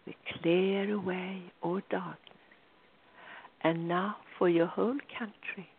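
A woman's voice: fairly low pitch, steady tone, takes it slowly, gravelly, slightly rough. A woman leading a guided meditation in a soothing voice that drifts into whispers. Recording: tinny phone-like sound.

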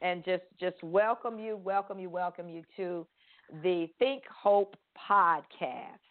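A woman's voice: fairly low pitch, takes it slowly, slight background noise. A middle-aged woman from Florida hosting a faith-based podcast interview, earnest and enthusiastic, often repeating words for emphasis. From Pensacola, Florida. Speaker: podcast host. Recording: tinny phone-like sound.

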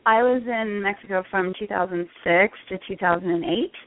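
Speaking at a moderate pace with a medium pitch, this middle-aged American woman answers interview questions conversationally and recounts her own story. She is a health coach from Connecticut, heard over a tinny, narrow-band phone line.

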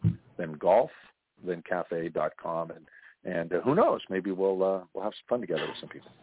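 A Canadian franchise consultant appears as an interview guest over a call, chatting, telling stories, and joking and laughing often. His low voice is expressive and fairly quick with a breathy edge and no echo, heard through a tinny phone line.

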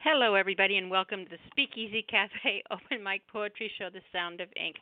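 A woman's voice: medium pitch, fast talker. A middle-aged woman hosting a poetry open mic show, chatting through announcements in a rambling, apologetic way, her articulation slightly off after jaw surgery. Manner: rambling, apologetic, self-interrupting. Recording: thin, roomy phone-line sound.

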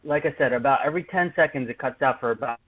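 A man's voice: medium pitch, fast talker. Man on a glitchy, dropping-out phone line. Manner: hesitant, many fillers. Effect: choppy cell phone audio that keeps dropping out. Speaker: guest athlete. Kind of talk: casual interview over the phone. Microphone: cell phone. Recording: tinny breaking-up cell phone line.

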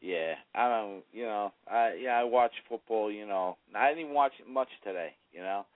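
A man's voice: lowish voice, moderate pace, no room sound. A man co-hosting a radio show in casual chat. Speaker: radio co-host. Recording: phone-like lo-fi audio.

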